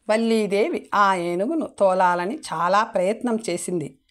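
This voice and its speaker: A woman narrating a devotional story, lifting her pitch to voice each character's lines.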